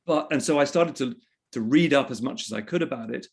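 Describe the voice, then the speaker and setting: Here a journalist and author from England, guesting in an interview, reflects on a personal story in a conversational style, repeatedly restarting what he says. The man talks briskly in a medium-pitched voice that is creaky with a breathy edge.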